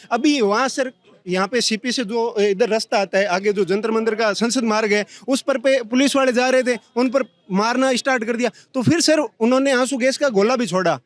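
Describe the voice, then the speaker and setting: A young man from Rajasthan speaks out passionately as a protester in an outdoor street interview. His voice sits very high for a man. He talks in heated, rapid bursts. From Rajasthan, India. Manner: impassioned, rapid-fire complaints.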